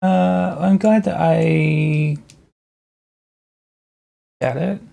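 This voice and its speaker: A young adult music producer streaming live, chatting casually with viewers in a halting, think-aloud way while working on tracks. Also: medium pitch, steady tone, vocal fry, warm tone.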